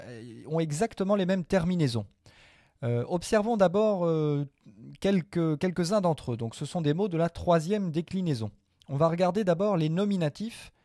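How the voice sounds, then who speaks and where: A man teaching a Latin grammar lesson to viewers, patient and methodical, repeating each form slowly with small hesitations. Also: on the high side, warm tone, dry recording, clean studio sound.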